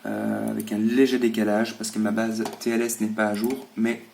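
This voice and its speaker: A man explaining his radio hobby in a casual, hesitant vlog style, halting as he talks. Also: on the low side, level tone, vocal fry, a little mellow, slight background noise. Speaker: amateur radio hobbyist presenting.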